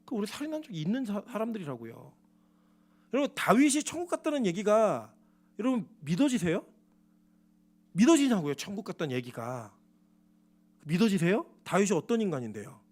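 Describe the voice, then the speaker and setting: A male pastor preaching a sermon, emphatic and animated, asking the congregation rhetorical questions. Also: high-pitched, a little fast, pauses often.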